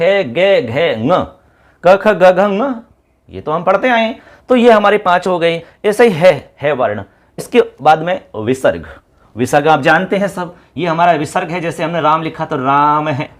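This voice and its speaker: A man teaching a lesson who keeps asking his students questions and answering them himself. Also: fairly high pitch. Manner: lively, repeats call-and-response questions to students. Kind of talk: classroom lesson.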